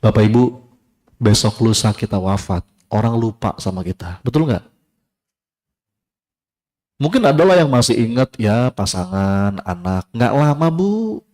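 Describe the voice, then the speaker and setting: A male Islamic preacher giving a sermon to a live congregation, a lively storyteller who talks straight to his listeners. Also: lowish voice, unhurried, long pauses.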